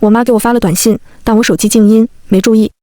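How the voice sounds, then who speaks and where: A young woman narrates a first-person love story aloud, and she voices every character without changing her own voice. Her voice sits a little high for a woman. It is recorded close and dry, with no room around it. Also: steady tone, fast, dark tone, dry recording. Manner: plays every character in the same light voice.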